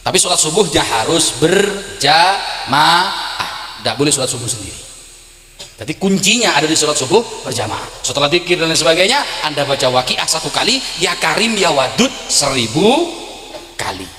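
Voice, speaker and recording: A man's voice: fairly high pitch, normal speed. A man preaching a sermon, telling stories with blunt jokes and acting out the people in them. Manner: animated storytelling, acts out quoted characters, blunt jokes. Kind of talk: sermon at a religious gathering. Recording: echoey hall with long reverb.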